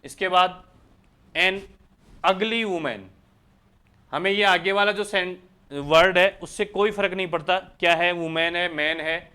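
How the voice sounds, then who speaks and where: A man from India explains grammar in a classroom lecture. His voice sits high and sounds bright and smooth. He poses question after question to the class and then answers each one himself. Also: measured pace, pauses often. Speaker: English grammar teacher. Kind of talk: Hindi lecture explaining English articles.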